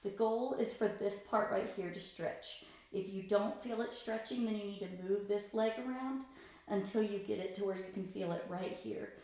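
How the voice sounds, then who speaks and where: A woman's voice: mid-range voice, moderate pace, a little mellow. Woman in a very echoey room, casual instruction. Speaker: host of a stretching routine video. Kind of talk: casual exercise instruction, talking through own stretches.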